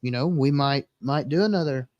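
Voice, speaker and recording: A man co-hosts a casual live-stream chat in a smooth, resonant voice. He is easygoing and keeps chiming in to agree. The recording is dry and close. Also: mid-range voice, moderate pace, darkish tone, dry recording, dull audio. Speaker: co-host.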